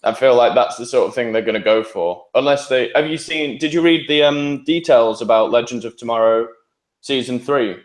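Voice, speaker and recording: A man's voice: mid-range voice, normal speed. A man chatting casually as a podcast panellist, with a roomy, echoing sound. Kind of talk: casual chat about TV shows.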